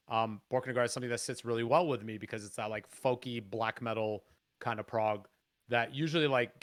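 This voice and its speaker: Low and raspy, this Canadian musician's voice comes through as he guests on a laid-back podcast. Cursing without restraint, he gets animated and fires off his thoughts in rapid, excited spurts.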